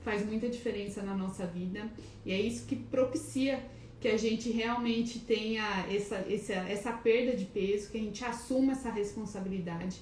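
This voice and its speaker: A wellness host speaks from her clinic office in a mid-range, darkish voice at moderate pace, chatting on a live stream and calling herself shy and nervous. She greets viewers by name amid many hesitant restarts, and the room echoes with faint background noise.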